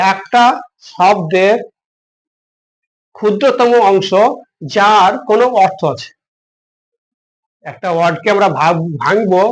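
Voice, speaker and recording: A man teaching a grammar lesson, patiently spelling words out letter by letter and asking his students questions. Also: sits high.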